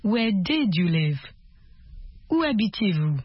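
Woman, language course narrator, measured and explanatory, dull lo-fi tape. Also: medium pitch, very animated, background noise. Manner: measured, explanatory, models phrases in two languages. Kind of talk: instructional narration.

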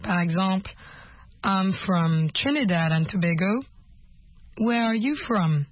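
A woman narrating a language course, explaining patterns in a measured way and modeling phrases in two languages. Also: mid-range voice, expressive, no room sound. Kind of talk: instructional narration. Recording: dry, dull lo-fi course tape.

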